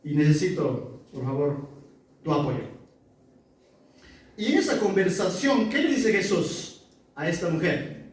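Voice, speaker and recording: A man's voice: sits high, very animated, a little slow, pauses often. A man teaching a Bible study in a conversational way, often checking in with his listeners by asking whether they follow. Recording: very echoey room, far from the mic.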